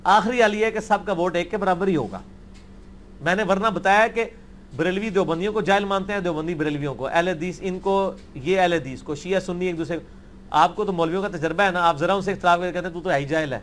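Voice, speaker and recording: A man's voice: high-pitched, fairly bright tone, slight background noise. A man answering religious questions in a blunt, argumentative and dismissive way.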